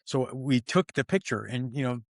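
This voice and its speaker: A man, a stuntman guest, telling set stories in an excited, animated way and acting out quoted dialogue. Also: medium pitch, moderate pace, dry recording, clean studio sound. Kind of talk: animated storytelling interview.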